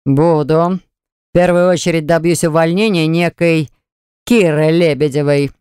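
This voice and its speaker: An audiobook narrator voicing a smug, scornful man who gloats and yells when pinned down, in a smooth voice. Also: mid-range voice, fairly even intonation, measured pace, no room sound, clean studio sound, close to an everyday voice.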